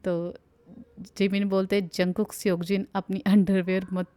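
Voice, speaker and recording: A young woman narrates a live stream for her viewers, relaying each line in an easy, chatty tone. She keeps slipping into laughter and asides as she reads. Her pitch sits in an ordinary middle range. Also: little pitch movement, moderate pace, warm tone. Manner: giggly, chatty, breaks into laughter while reading. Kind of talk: casual retelling, reading quotes aloud.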